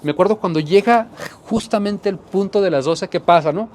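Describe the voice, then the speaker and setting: A man, a pastor giving an earnest sermon testimony, often repeating phrases and dropping to soft tones for emphasis. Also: high voice, moderate pace, a little hiss or hum.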